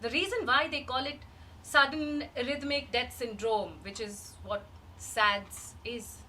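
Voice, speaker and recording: A woman playing a grieving, wistful woman in a rehearsed reading of a dramatic monologue, measured and halting with long pauses. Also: fairly high pitch, sharp tone. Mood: grave, explanatory. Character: grieving woman recalling a dead loved one, wistful and searching. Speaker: actor in a rehearsed reading of a play. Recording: distant microphone, faint background noise.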